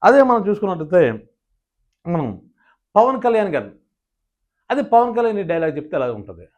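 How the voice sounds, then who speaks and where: A man's voice: high voice, fast talker. A man hosting his own channel, chatting casually to camera between impressions. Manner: lively, chatty explanations. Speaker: mimicry YouTuber.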